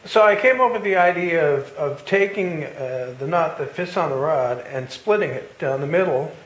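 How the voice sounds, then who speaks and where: A man's voice: on the high side, normal speed. A man hosting a woodworking video, casually walking through his build with plenty of fillers and restarts. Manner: relaxed, explanatory, with many fillers and restarts. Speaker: woodworking channel host. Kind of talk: casual shop walkthrough narration. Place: home woodworking shop, indoors. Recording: roomy workshop with faint noise.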